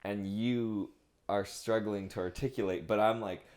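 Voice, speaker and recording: A young man with a very deep voice talks casually and openly about his feelings, rambling and leaning on filler words as he chats with his partner on a podcast. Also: fairly even intonation, a little slow, a little mellow. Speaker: podcast co-host.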